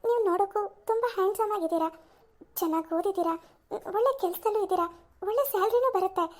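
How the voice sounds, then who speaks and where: Sly cartoon homewrecker gal, woman voicing her, super high squeaky, sugary then cold. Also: quick pace. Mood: flirty. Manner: sweet-talking, wheedling, then cold and selfish.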